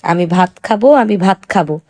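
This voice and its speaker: A woman's voice: lowish voice, animated, normal speed, a little mellow, pitched below the performer's own voice. A woman voicing a sick, half-deaf young husband who petulantly keeps repeating his demands.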